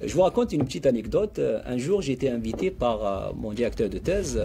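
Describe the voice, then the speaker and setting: A man's voice: medium pitch, brisk, creaky, a little hiss or hum. A man, a guest author, talking in an interview, telling stories and reciting verse with animation. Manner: animated storyteller, quotes Arabic verse. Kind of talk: explanatory interview talk.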